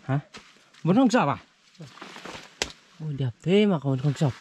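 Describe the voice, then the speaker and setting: A man with a fairly high, warm voice and lively intonation talks unhurriedly while walking outdoors in a forest. As a vlogger and host, he chats casually with viewers, hesitating and repeating words. The outdoor recording carries faint noise.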